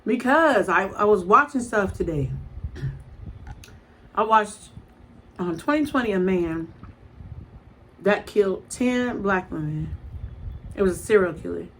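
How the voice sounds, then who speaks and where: A woman's voice: medium pitch, expressive, measured pace, pauses often, fairly bright tone. A middle-aged woman chatting casually and in a rambling way to the camera as a vlogger, blunt and emphatic, often repeating herself. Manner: blunt, emphatic storytelling with repetition. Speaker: mukbang vlogger. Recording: clearly noisy home recording.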